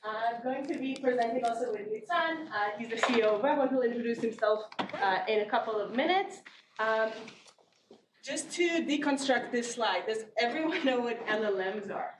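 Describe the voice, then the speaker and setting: A woman's voice: a little high, moderate pace. Woman professor lecturing in an echoey room. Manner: conversational with frequent fillers and restarts. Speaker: marketing professor. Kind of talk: conference lecture presentation. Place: large classroom. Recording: echoey room with background noise, from far off.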